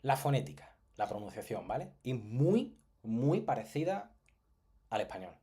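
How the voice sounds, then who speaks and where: Man, Spain Spanish accent, mid-range pitch. Relaxed, jokey teacher presenting a class online, digressive, keeps checking the listeners follow. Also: measured pace, a little hiss or hum. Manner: chatty, jokey and digressive, with frequent "¿vale?" check-ins. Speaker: Japanese teacher. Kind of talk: casual online lesson presentation.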